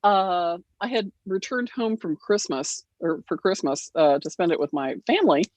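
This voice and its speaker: A woman casually telling a funny family holiday story. She laughs often and jumps into high voices when she acts out her relatives. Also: animated, moderate pace, darkish tone, no echo. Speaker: guild member sharing a story.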